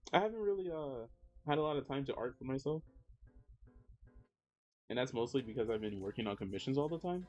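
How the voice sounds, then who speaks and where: A man in his thirties draws live as a digital artist and chats casually with viewers, his voice carrying a darkish tone. He rambles with many fillers, and his pitch jumps when he responds to chat.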